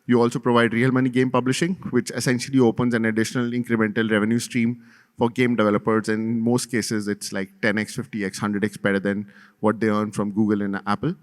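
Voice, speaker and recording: A man from India, a co-founder, pitching his company on a conference panel. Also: little pitch movement, fast talker. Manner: pitching, business-like. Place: conference hall. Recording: reverberant conference hall.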